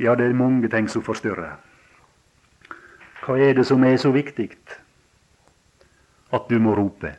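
A man preaching a sermon, halting and repeating words, then building to emphatic stretches. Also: mid-range voice.

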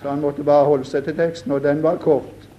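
A man's voice: on the high side, flat delivery, lo-fi sound. A man preaching a sermon with fervor, firing rhetorical questions at his listeners and addressing them directly again and again.

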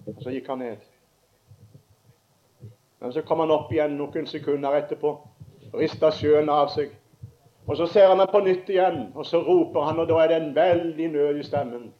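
An older man preaching a sermon, rising to loud emotional peaks and then dropping into soft, slow prayer. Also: a little high, lo-fi sound. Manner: builds to loud emotional climaxes, then prays softly.

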